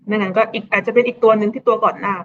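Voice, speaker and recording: A woman co-hosting a live-stream lesson, chiming in with quick casual remarks and answers. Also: medium pitch, steady tone, a bit bright. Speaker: co-host helping answer questions. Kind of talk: casual chat. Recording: dull lo-fi sound.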